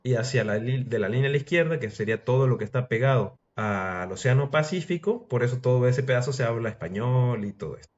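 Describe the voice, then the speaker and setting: A man's voice: medium pitch, lively intonation, quick pace, hardly any pauses. Chatty man telling history. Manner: loose, chatty, acts out quotes. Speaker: history storyteller. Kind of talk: casual history retelling. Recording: dull lo-fi sound.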